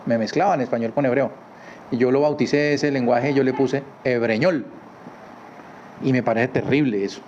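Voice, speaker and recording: A man teaching a religious lesson from his home in a conversational way, often adding quick tag questions. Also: medium pitch, steady tone, darkish tone. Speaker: Torah teacher. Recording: slightly dull recording with faint background noise.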